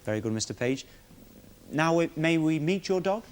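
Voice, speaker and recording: Man playing a barrister, crisp pointed questions, fairly high pitch, 1970s TV courtroom drama. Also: animated, normal speed, a little hiss or hum, close to an everyday voice. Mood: probing. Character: probing barrister cross-examining a witness.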